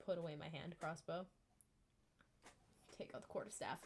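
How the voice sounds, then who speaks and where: A woman playing a tabletop game on a live stream, excitable, laughing and swearing at her dice rolls. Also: sits low, moderate pace. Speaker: player.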